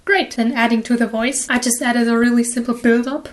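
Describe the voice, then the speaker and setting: A woman animator giving a casual voice-over walkthrough of her work, chatty and self-deprecating with quick laughs. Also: on the high side, steady tone. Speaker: animator and video creator.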